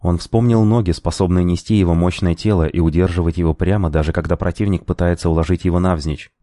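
A man reading a fantasy story aloud in a measured, even narration. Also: low voice, dry recording, studio quality. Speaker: audiobook narrator.

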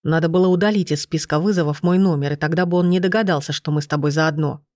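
A woman's voice: sits low, steady tone, fast, darkish tone, no room sound, clean studio sound, natural voice. A woman reader voicing a greedy, threatening grown man, the heroine's brother, speaking harshly. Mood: pained snapping.

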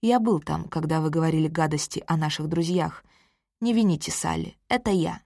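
Woman doing a low soft-spoken guy, gentle and steady, dry close sound. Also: a little fast, vocal fry, dry recording. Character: calm, kindly adult man, gentle and steady. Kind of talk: audiobook character reading.

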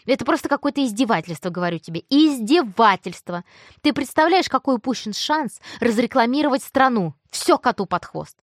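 A woman voicing a haughty, self-absorbed old grandmother who speaks in a creaky, imperious way. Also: on the high side, expressive, brisk, no room sound, studio quality, pitched above the performer's own voice. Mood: haughty indignant.

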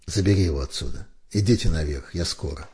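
A man voicing a stern man who shouts to stop a fight. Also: sits low, fast talker, husky. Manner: shouting, commanding. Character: commanding man called the Ghost, stern peacemaker.

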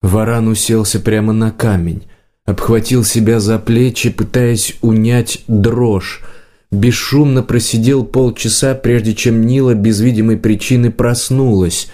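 A man narrating a fantasy audiobook in a measured, unhurried reading. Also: fairly low pitch, fairly even intonation, dark tone.

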